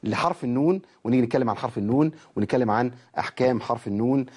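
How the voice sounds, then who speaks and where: A man's voice: mid-range voice, racing, a little mellow, husky. A man with an Egyptian accent teaching the rules of Quran recitation, explaining verse lines in casual colloquial speech and quizzing his students. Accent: Egyptian Arabic. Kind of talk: religious lesson explaining verses.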